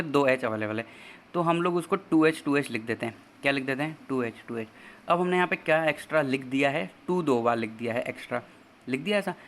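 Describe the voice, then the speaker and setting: A man's voice: a little high, fairly bright tone, slight background noise. A man teaching exam-prep math, working through each step and asking his students rhetorical questions. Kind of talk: exam-prep math lecture in Hindi with English terms.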